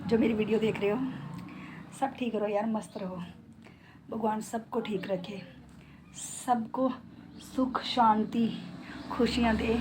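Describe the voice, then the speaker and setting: A middle-aged woman with a Jammu accent, a beauty salon owner chatting casually and heartfelt in her vlog. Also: medium pitch. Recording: noisy background.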